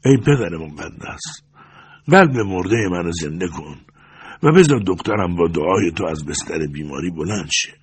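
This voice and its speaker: A man voicing an emotional, passionate middle-aged merchant in an audiobook, with a loud, hoarse voice that swings between shouting and pleading. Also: deep voice, expressive. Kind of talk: audiobook character voice.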